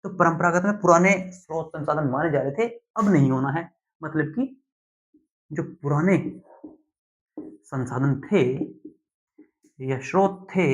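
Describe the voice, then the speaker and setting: A young male teacher lectures slowly and deliberately, pausing often to check that students follow. His voice sits a little high for a man. The recording sounds dull and lo-fi. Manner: slow, deliberate explaining with frequent "theek hai" check-ins. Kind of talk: classroom lecture.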